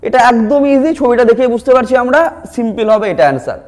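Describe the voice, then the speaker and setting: A man's voice: extremely high pitch, sing-song, quick pace, darkish tone. A male teacher, explaining reasoning exam questions and answering his own questions. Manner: asks questions, then answers them himself.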